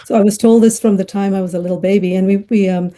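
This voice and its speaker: This podcast guest, a child psychiatrist and middle-aged woman who grew up in Ghana, chats through her life story with plenty of fillers and laughs. She speaks quickly, her medium-pitched voice warm and fairly even in intonation.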